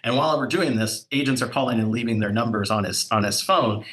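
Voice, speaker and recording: Lively, bright-voiced male storyteller. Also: medium pitch, brisk. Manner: animated storyteller, voice jumps up for quoted dialogue. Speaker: real estate broker and podcast co-host. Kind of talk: casual storytelling chat.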